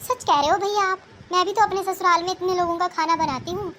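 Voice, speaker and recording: Woman voicing a spoiled cartoon daughter, whiny and demanding, very high pitch. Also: fairly even intonation, fast talker, fairly bright tone, slight background noise. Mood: complaining. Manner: petulant, complaining. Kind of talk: cartoon voice acting.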